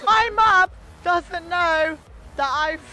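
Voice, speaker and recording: Very high, bright young woman. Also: slow pace. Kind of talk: brash sweary street vox pop. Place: outdoors on a nightlife street. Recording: outdoor street, light crowd.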